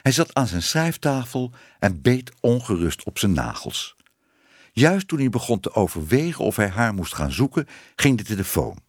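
A man narrating a children's book in an expressive, varied reading. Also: on the low side, normal speed, dry recording, studio quality. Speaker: audiobook narrator.

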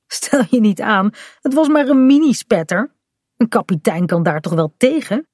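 Lady putting on a high eager little girl, storybook style, dry close sound. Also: animated, moderate pace, a little mellow, dry recording. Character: lively young girl, brave and caring.

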